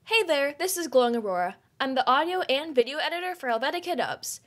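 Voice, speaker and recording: A woman giving a casual outro as the dub's editor, bright and self-mocking. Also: high-pitched, lively intonation, fast, heavy background noise. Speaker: audio and video editor.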